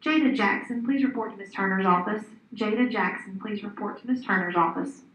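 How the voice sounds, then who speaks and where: A woman making a formal announcement over a school intercom, heard from a loudspeaker across the room. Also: medium pitch, a little fast. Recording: dull, roomy loudspeaker sound from far off.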